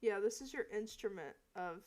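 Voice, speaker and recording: Young woman streamer host, mid-pitched, casual and teasing. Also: expressive, brisk, a crowd in the background. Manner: teasing, laughing, playfully threatening. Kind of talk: casual chat.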